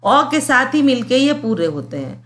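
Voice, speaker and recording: A woman teaching a grammar lesson to schoolchildren, sounding out letters slowly and checking that the class follows. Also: fairly high pitch, very animated, a bit bright. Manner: slow and explanatory, checks understanding with "clear?" and "theek hai".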